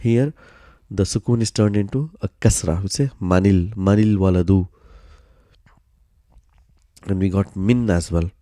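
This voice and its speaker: A man teaching a grammar lesson in a low, mellow voice. He explains patiently and step by step, leaning on "so" and "uh" as he goes. The sound is dry and close, with no room around it. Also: moderate pace, hardly any pauses, no echo.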